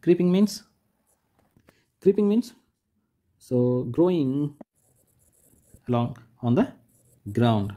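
A man's voice: fairly high pitch, expressive, slow pace, pauses often, dark tone. A man, teaching a school textbook lesson to children, repeating each point and rephrasing it patiently. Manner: points and demonstrates with "like this".

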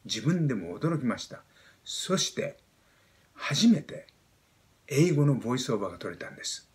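Older guy from japan in his 70s giving a pronunciation lesson, gets animated showing the sounds, mid pitch. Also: normal speed. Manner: animated, demonstrates sounds with rising emphasis. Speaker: pronunciation teacher. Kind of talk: explaining lesson.

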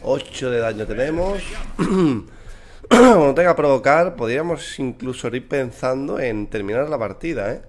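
In a small room indoors, a tired young streamer from Spain, speaking with a Spanish accent, chats casually about his card game, swearing and teasing his opponent. His mid-range voice is animated and a little slow.

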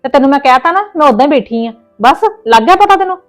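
A woman's voice: high voice, animated, fast, soft background music. A woman playing a sulky, snappish mother. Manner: curt, snappish. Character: sulky, snappish mother brushing off her son.

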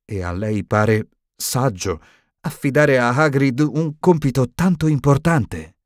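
A man voicing a stern elderly female professor in an audiobook, higher and tremulous, shaken and indignant. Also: expressive, slow, dry recording, clean studio sound. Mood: uneasy.

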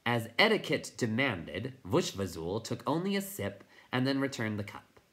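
A man reading a children's novel aloud as a teacher, in expressive storytelling narration. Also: mid-range voice, moderate pace.

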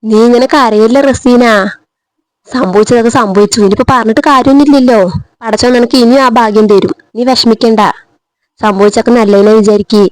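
High-voiced woman consoling softly. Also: steady tone, fairly quick, no room sound, poor audio. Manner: soothing, consoling. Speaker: family vlog actor. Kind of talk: acted family skit.

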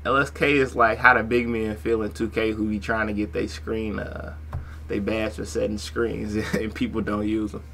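A man's voice: fairly low pitch, flat delivery, moderate pace, vocal fry, noisy background. A man hosting a reaction video, giving casual slang-filled commentary over basketball footage. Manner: laid-back slangy chatter with laughs.

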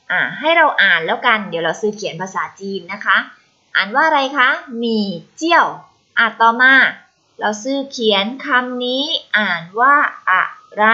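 A woman with a Thai accent teaching a children's Chinese lesson for video, patiently repeating words slowly for pupils to copy. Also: on the high side, pushed and bright. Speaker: primary school Chinese teacher. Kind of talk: recorded online lesson. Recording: slightly dull lo-fi recording.

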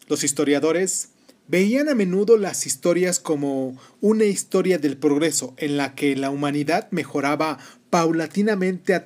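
A man hosting a history podcast, moving between read narration and casual asides in Spanish. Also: a little high. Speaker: podcast host.

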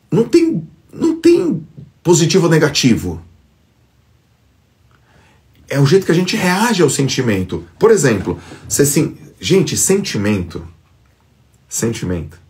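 A man's voice: medium pitch, darkish tone. A man giving an emphatic motivational talk to followers on a phone live stream, acting out quoted thoughts.

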